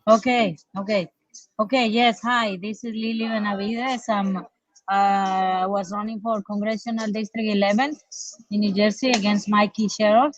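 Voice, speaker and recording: A woman's voice: medium pitch, steady tone, moderate pace, dry recording. A woman speaks as a candidate calling in remotely through a Bluetooth headset mic. Her sound is dry and dull, like lo-fi call audio. She talks hesitantly, with many fillers. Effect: remote call over a Bluetooth headset mic. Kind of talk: casual remote interview.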